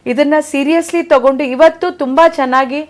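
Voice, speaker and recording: A woman doctor answers viewers' questions in a studio. She explains in an earnest, steady way. Her voice is a little high. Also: normal speed. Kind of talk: expert answering on a call-in show.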